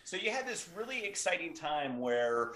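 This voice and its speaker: A man's voice: on the high side, big pitch swings, moderate pace, a loud crowd. A man in his forties, a guest on a casual podcast chat, rambling enthusiastically with frequent restarts and self-deprecating asides. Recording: roomy echo.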